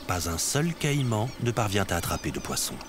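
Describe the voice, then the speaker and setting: A man's voice: on the low side, big pitch swings, moderate pace, noisy background. A man reading scripted nature documentary narration. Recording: music behind the voice.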